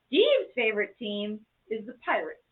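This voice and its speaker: A woman from the southern United States co-hosting a casual chat, telling family stories in a lively way and laughing often. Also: fairly high pitch, moderate pace. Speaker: co-host. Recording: tinny phone-like sound.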